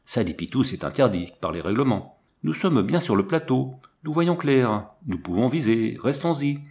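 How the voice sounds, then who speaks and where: A man reading a storybook and voicing a calm, practical soldier who speaks in a dry, matter-of-fact way. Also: medium pitch, normal speed, natural voice.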